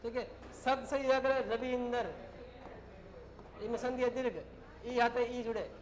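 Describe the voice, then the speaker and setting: A man's voice: very high voice, flat delivery, unhurried, a little hiss or hum, poor audio. A male teacher giving a classroom grammar lesson, dictating words and explaining them in short, repeated phrases.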